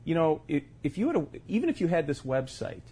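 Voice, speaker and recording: A man's voice: a little high, very animated, fast talker, dark tone, husky. A man talking as a podcast guest in casual chat, earnest and matter-of-fact as he makes his case.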